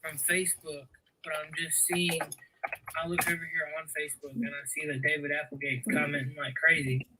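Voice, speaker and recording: A man's voice: a little high, level tone, brisk, noisy background. A man with an Appalachian accent, heard as a faint delayed echo of his own words coming back through a livestream feed. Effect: faint delayed echo of his own words played back through a stream feed. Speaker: co-host of a livestreamed talk show. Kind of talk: casual chat. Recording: quiet echoed stream playback.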